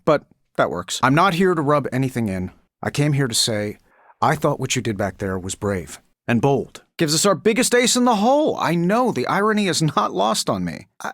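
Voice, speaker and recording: Glib, animated Iron Man. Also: on the high side, dry recording, studio quality. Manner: glib, sarcastic, conversational. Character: wisecracking, cocky genius inventor superhero in armor. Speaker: video game voice actor. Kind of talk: video game character voice lines.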